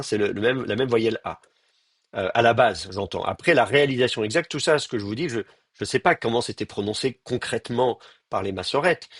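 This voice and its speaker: A man's voice: on the low side, gravelly, a bit bright, husky, no echo, clean studio sound. A man teaching a live grammar lecture, thinking aloud with many fillers and restarts and speaking straight to his students. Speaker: Hebrew teacher.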